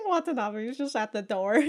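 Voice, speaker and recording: Her voice sits high as she hosts excitable, casual reaction commentary, cursing freely and repeatedly dissolving into laughter.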